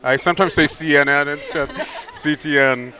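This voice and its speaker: A man's voice: fairly high pitch, fairly even intonation, moderate pace, pushed and bright. A man in his fifties hosting a casual, friendly interview at an expo booth, chatty and curious. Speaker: podcast host.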